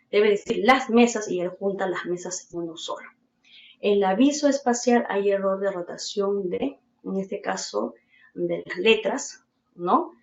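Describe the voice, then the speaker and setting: A woman with a Peruvian Spanish accent giving an explanatory lecture as a teacher, pausing often to check with "¿no?" and using fillers. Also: medium pitch. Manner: explains slowly with many "¿no?" tags and fillers. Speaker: teacher presenting a class talk. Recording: echoey room, far from mic, dull lo-fi sound with faint noise.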